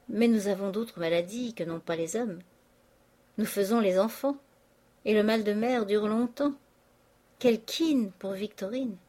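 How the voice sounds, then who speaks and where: A woman's voice: a little high, a little mellow. A woman reading an audiobook, voicing a chattering middle-aged landlady with a gossipy, raised delivery.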